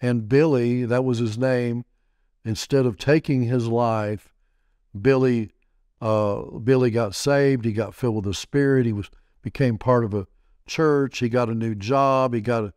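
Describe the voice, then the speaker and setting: Man, middle-aged pastor, storytelling sermon, mid-pitched voice, dry close sound, stammering restarts. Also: steady tone, normal speed, darkish tone, no echo. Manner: conversational, with frequent restarts and stammers. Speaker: pastor and TV teacher.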